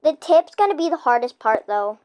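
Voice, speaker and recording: A woman's voice: high-pitched, sing-song, moderate pace, a little mellow, a little hiss or hum. A young girl hosting a casual gameplay video, chatting with a friend and talking to viewers as "guys", giggly and chatty. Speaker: gaming channel host.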